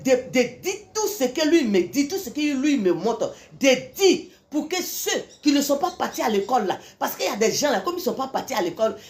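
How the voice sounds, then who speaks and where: A woman's voice: high-pitched, a little mellow. Scolding woman preacher. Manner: scolding, repetitive, rhetorical questions, frequent "hein". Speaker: self-styled preacher. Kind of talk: impassioned religious tirade.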